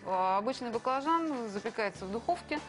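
A woman's voice: a little high, animated, fairly quick, fairly bright tone, faint music behind. A middle-aged woman explaining her views as a guest on a TV studio talk show. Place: TV studio with audience.

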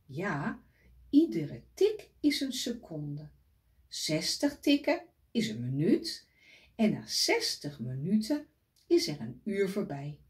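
A woman voicing a calm crocodile friend in a picture book, patiently explaining things. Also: on the low side, slow. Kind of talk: picture book read aloud.

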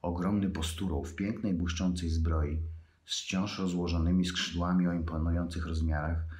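A man, an author, reading his own fantasy prose aloud in a measured, unhurried way with pauses. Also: sits low, little pitch movement, a little mellow. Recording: echoey room.

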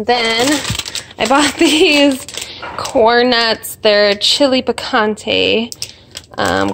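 With a mid-range, creaky and fairly bright voice, a young vlogger chats about her grocery haul while filming on a phone in her home kitchen. She rambles with plenty of fillers and self-deprecating remarks, and there's a slight hiss or hum.

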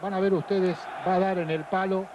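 A man's voice: high voice, flat delivery, a little fast, muffled recording, background noise. A man describing football replays on an old television broadcast. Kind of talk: replay commentary.

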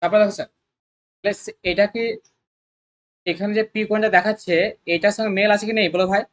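A math tutor teaching an exam-prep class, firing quick questions at students and coaxing them along with lots of repetition. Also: mid-range voice, steady tone. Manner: rapid call-and-response questioning of students. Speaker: math tutor at a coaching centre.

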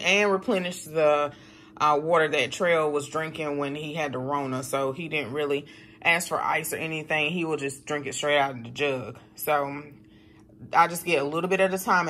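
A woman's voice: low voice, a bit bright, a little hiss or hum. A middle-aged woman, rambling chattily to viewers about her grocery haul in her kitchen. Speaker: vlogger showing a grocery haul. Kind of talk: casual chat to viewers. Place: home kitchen, indoors.

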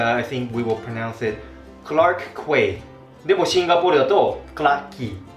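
A man from Japan, a vlogger chatting casually to camera, animated as he demonstrates pronunciations and chuckles often. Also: mid-range voice. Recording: echoey room, faint background music.

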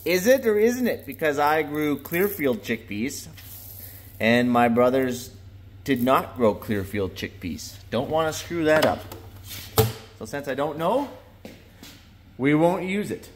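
A man's voice: on the high side, expressive, slow, long pauses. Guy farmer walking around the yard with a camera, chatty, explaining stuff, faint outdoor noise behind. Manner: chatty, explains farm equipment plainly. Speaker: farmer vlogger. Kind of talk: casual walk-through vlog. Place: outdoors on a farm yard beside machinery.

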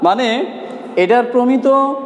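High-voiced male teacher in an echoey room. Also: slow. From Bangladesh. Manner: repeats key points and quizzes students rhetorically. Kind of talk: classroom grammar lesson. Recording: echoey room with long reverb.

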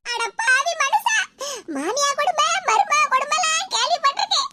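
Cartoon nagging mother-in-law with a southern Tamil Nadu accent, extreme high squeak, loud noisy track. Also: big pitch swings, normal speed. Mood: wailing complaint. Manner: scolding, whiny, squeaky. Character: feisty older wife and mother-in-law, sharp-tongued. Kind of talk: cartoon voice acting. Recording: loud background noise.

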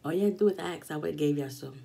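Low, mellow woman eating on a mukbang. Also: rapid-fire, creaky. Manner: talking while eating, savoring hums between phrases. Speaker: mukbang vlogger. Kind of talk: casual mukbang eating-show chat. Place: small indoor room at home. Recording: faint household background noise.

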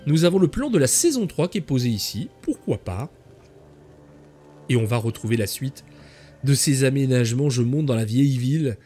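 A man's voice: mid-range voice, expressive, normal speed, warm tone, faint music behind. A man hosting a video game tour, chatting enthusiastically and calling his viewers "the kids" as he walks through a player's build. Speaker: host of a game channel.

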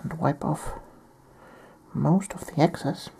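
A woman from Germany, talking softly through a painting tutorial while she has a cold and keeps clearing her throat. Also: deep voice, slow pace, a little hiss or hum. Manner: soft-spoken, often near a whisper. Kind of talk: step-by-step tutorial narration.

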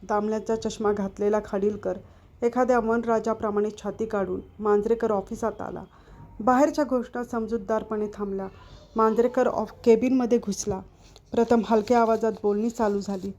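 Lady reading out a story, steady and expressive, bit high voice. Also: normal speed, muffled recording.

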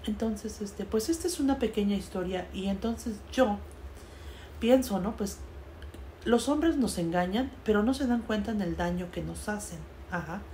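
A Mexican woman telling a personal story in a casual, conversational way, with frequent fillers and a voice that trails off softly. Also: medium pitch, normal speed, a little hiss or hum. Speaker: storyteller sharing a personal experience.

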